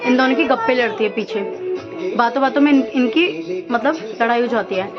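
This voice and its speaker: Woman, chatty home vlogger, fairly high voice, dull lo-fi sound. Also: fairly quick, loud music behind the voice. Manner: chatty, rambling, self-deprecating. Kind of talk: casual home vlog with cooking.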